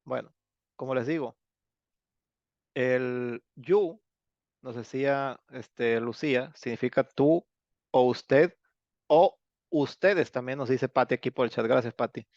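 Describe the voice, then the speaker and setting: A man's voice: mid-range voice, slow pace, long pauses, a little mellow, no room sound. A man with a Mexican Spanish accent teaching an online English class, chatty and explanatory with many fillers. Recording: dull, lo-fi online class audio.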